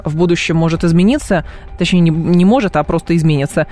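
A woman hosting live radio news talk in a studio, speaking briskly with frequent filler sounds between points. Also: fairly low pitch, dark tone. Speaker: radio host. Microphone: studio microphone.

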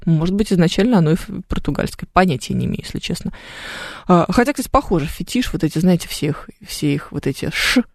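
A woman's voice: lowish voice, animated, fast talker, a little mellow, no room sound. Chatty woman radio host, dry studio sound. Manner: chatty, explanatory, thinks aloud. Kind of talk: live radio call-in chat about language. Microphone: studio mic.

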